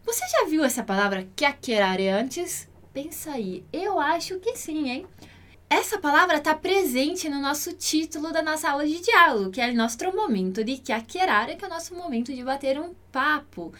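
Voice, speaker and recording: A woman teaching an online language lesson, modeling pronunciation by repeating words slowly and clearly. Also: high voice, lively intonation, a bit bright. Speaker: Italian teacher.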